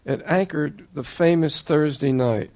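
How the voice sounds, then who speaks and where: Gravelly earnest older man. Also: a little high, darkish tone. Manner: measured, earnest, lists points in order. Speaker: interviewer. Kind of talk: formal tribute speech.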